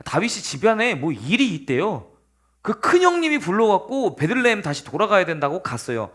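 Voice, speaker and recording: A man's voice: sits high, big pitch swings, brisk, a bit bright, exaggerated voice. A man voicing a young prince who pleads with and reasons against his angry father. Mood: explaining. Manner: pleading, incredulous.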